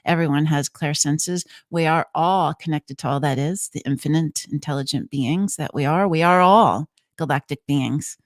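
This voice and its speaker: A deep-voiced woman, a trance channeler appearing as a guest, speaks earnestly in short, emphatic phrases while explaining things in conversation. She keeps a moderate pace with few pauses, and the studio sound is clean with no echo.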